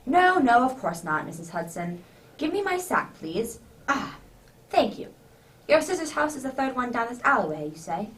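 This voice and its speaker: A woman plays a jovial, easily flustered gentleman doctor in a radio play. The voice sits fairly high and swings widely, full of polite exclamations. It is picked up at some distance from the mic. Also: very animated, normal speed. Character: jovial, flustered male doctor in a Santa suit. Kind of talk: amateur radio drama acting.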